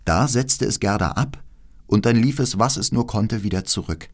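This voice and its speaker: A man with a lowish voice narrates a fairy tale for an audiobook, telling it in a measured, expressive way.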